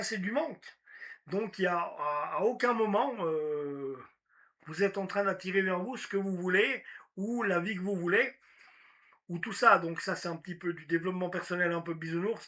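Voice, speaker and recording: A man talks casually about personal development in a high, very bright voice. He acts out little inner monologues and speaks in an animated way. His speech is full of fillers. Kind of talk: casual motivational talk.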